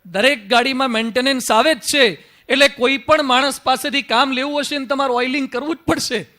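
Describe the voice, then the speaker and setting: A male monk preaching a devotional sermon in a high, bright, ringing voice. He is emphatic and drives his points home with rhetorical questions. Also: a little fast.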